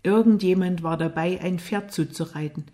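A woman reading a novel aloud as narrator, with expressive storytelling. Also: on the low side, moderate pace. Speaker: audiobook narrator. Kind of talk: scripted narration.

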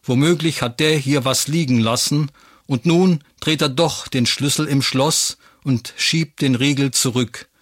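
A man reads a written story aloud with a wry, even delivery. His voice sits at an ordinary middle pitch. The recording is close and dry, with no room sound. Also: measured pace, no echo. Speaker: narrator. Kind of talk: scripted story narration.

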